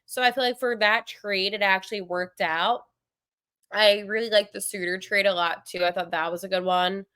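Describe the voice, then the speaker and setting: A woman hosting a sports podcast, talking casually and with strong opinions, full of fillers and quick asides. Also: mid-range voice, steady tone, bright, forceful tone, clean tone, no room sound, studio quality. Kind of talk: casual solo podcast commentary.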